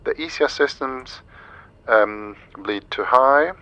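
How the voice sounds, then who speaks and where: A man's voice: medium pitch, slow pace, bright, forceful tone, smooth, no echo, muffled recording. A man streaming a flight simulator, thinking aloud through each step as he gives live commentary and makes pilot radio calls.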